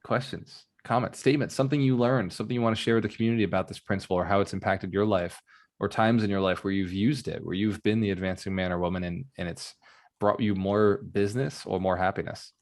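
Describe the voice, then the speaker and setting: Upbeat low-voiced man hosting a call. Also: fairly even intonation, quick pace. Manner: upbeat, rambling, with fillers like "man" and "you know". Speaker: host and real estate mentor. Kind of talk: live online Q&A call.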